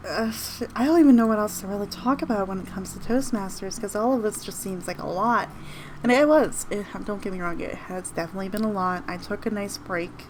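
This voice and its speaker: A woman's voice: medium pitch, a little fast, a little mellow, slight background noise. A woman hosting a reflective solo podcast from home, talking earnestly and rambling with restarts. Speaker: podcast host and teacher. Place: home room with open window downtown.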